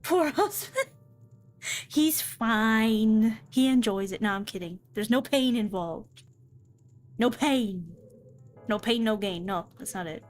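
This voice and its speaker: A woman's voice: medium pitch, slow pace. A woman streaming a video game, chatting casually and playfully, laughing at herself as she plays. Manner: giggly, playful, self-mocking. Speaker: VTuber streamer. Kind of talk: casual gameplay commentary. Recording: faint game music behind. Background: faint game music.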